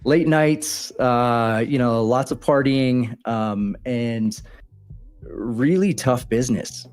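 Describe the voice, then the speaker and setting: A man's voice: mid-range voice, slow, a little mellow, soft background music. A man from Texas talking casually as an interview guest, easygoing and laughing often over a home mic on a video call. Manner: easygoing, many fillers and restarts, laughs often. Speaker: guest trader.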